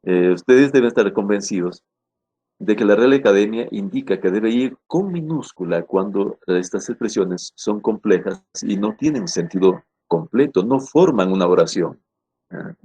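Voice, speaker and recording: A man with a low, husky voice gives a lesson on spelling rules. He speaks in a hesitant, repeating way, filling pauses with "eh". He often turns to his students to check that they follow. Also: expressive, dark tone. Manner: checks in with frequent "¿no?" and "¿ya?"; hesitant, repeats words with "eh" fillers. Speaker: language teacher.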